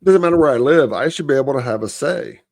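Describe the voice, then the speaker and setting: A man co-hosting a podcast, talking politics in a blunt, profane, casual way and letting his phrase ends drop low. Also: animated, quick pace, vocal fry, a little mellow, no room sound, clean studio sound. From Florida. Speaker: podcast co-host.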